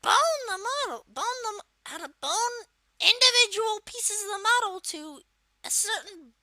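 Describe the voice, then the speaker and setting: A person voicing a bratty male cartoon Koopa creature, giving a casual, unscripted software tutorial in a halting, self-correcting way. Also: very high-pitched, expressive, no room sound, studio quality, exaggerated voice. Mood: explaining, halting. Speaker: tutorial host.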